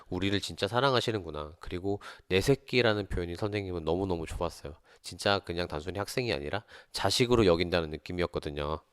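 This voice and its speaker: A man who teaches, telling a story from his school days and acting out the voices of the people in it. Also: smooth. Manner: acts out quoted voices with big pitch jumps. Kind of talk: storytelling monologue.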